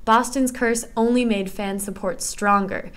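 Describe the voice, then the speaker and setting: A woman's voice: on the high side, steady tone, measured pace, smooth. Young woman reading an earnest essay. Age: young adult. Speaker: student narrator. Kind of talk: read essay narration.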